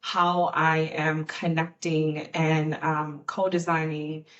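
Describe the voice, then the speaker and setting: Low-pitched woman from Guyana, reflective panel guest, heard from a distance. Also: flat delivery, slow, fairly bright tone, highs cut off. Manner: earnest and reflective, many fillers. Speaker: guest, nonprofit CEO. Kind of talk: podcast panel introduction.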